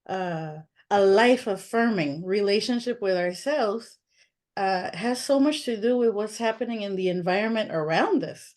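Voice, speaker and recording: A woman's voice: on the high side, darkish tone. A woman hosting an interview, reflective and affirming, often repeating her phrases. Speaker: host. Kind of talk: conversational interview.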